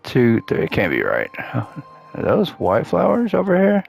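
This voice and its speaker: With a fairly high, wildly swooping pitch, this gaming-channel host talks in an unhurried way, his voice slightly rough with vocal fry. He's losing his voice, so it cracks and wears, yet he stays chatty and upbeat, thinking out loud over soft background music during casual gameplay commentary.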